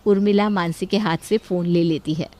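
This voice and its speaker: A woman narrating a family story in a calm storytelling tone. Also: lowish voice, normal speed. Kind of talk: scripted narration.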